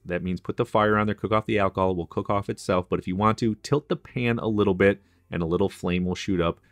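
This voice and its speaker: Speaking fast in a low, steady voice, a male chef guides viewers through a recipe step by step with friendly, practical kitchen tips. The sound is clean studio audio with no room sound at all.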